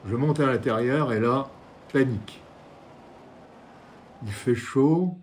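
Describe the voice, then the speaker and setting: A man in his sixties speaking as a war correspondent, recounting his reporting in the first person with dramatic pauses and repetitions, recorded in a living room. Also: medium pitch, a little hiss or hum. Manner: dramatic storytelling with repeated phrases and pauses.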